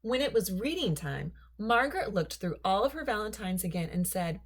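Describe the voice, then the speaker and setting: A storybook reader with a mid-range voice, she reads a children's story aloud in a measured, expressive way.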